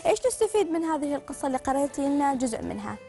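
Rapid-fire upbeat woman host. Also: high voice, big pitch swings, warm tone, soft background music. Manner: upbeat, coaxing questions to children. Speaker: children's TV show host. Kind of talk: hosting a children's studio show.

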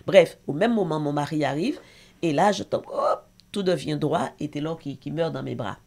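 A woman's voice: low-pitched, normal speed, creaky, darkish tone. A middle-aged woman, a talk show guest and association president, giving an intense, emotional personal testimony with hesitations.

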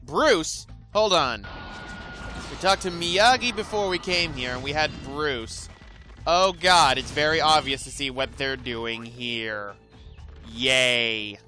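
A man's voice: mid-range voice, slow pace, pushed and bright. A man hosting a let's play, giving rambling, sarcastic gameplay commentary. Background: faint game music.

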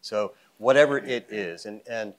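A man's voice: on the low side, a little slow. A man in his fifties, an investment fund founder, answering panel questions on a conference stage through a lapel mic, confident and wry with many fillers. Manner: confident, wry, with frequent 'you know' fillers. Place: conference stage before a live audience.

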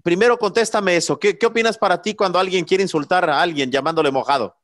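A man's voice: high voice, quick pace, fairly bright tone. A man from Mexico with a Mexican Spanish accent, hosting a boxing show interview in a chummy, religious way, with slang and swearing. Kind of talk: casual interview.

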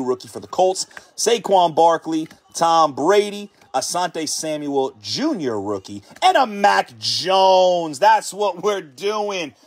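Hyped man calling out a card break. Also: fairly high pitch. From United States. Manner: hyped, repetitive catchphrases, rapid card call-outs. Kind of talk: live card break commentary.

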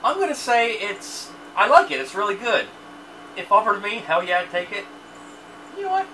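A man in his thirties co-hosts a laid-back beer review at a dim basement bar, trading crude jokes. His voice is bright and sharp, a little high for a man. The sound comes from a camera set back across the room, with a faint hiss. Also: very animated, normal speed, recorded from a distance, poor audio. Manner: joking, crude banter. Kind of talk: casual chat. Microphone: far camera.

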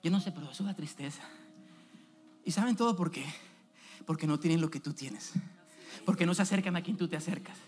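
A man's voice: on the high side, fairly quick, pauses often, a little mellow, soft background music. A man preaching a sermon as an evangelist in a church, speaking emphatically and asking the congregation direct questions.

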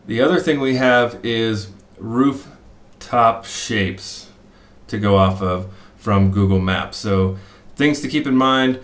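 A middle-aged fishing spot analyst sits at a desk in a small room, walking viewers through a screen share. He explains as he thinks aloud, with lots of "um" and "uh," his medium-pitched voice echoing in the room.

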